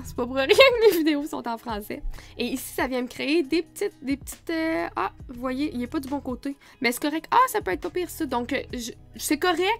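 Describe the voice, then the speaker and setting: A woman photographer with a Quebec French accent, teaching in a chatty, casual way with frequent laughs. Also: high voice. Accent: Québécois French. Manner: chatty, laughs often, many fillers. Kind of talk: casual screen-recorded tutorial.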